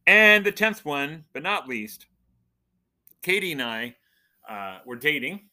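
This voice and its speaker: This podcast host, also a church minister, husband and father, talks slowly in a slightly high, sing-song voice that sounds pushed and bright. His casual monologue is jokey and nerdy, and he calls himself a nerd.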